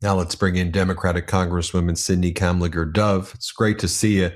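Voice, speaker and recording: A man's voice: low-pitched, level tone, a little fast. A man hosting a political commentary show, speaking in a forthright, opinionated way. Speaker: host.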